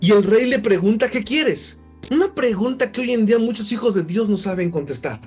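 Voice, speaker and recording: Husky pastor preaching. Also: male voice, high voice, a little fast, a little mellow, soft background music. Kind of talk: sermon.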